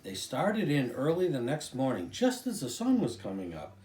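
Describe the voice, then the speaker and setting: An older man reading a children's storybook aloud, drawing out key phrases with deliberate emphasis. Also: mid-range voice, huge pitch swings, a little mellow, roomy sound, low-quality recording. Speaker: storybook reader, grandfather.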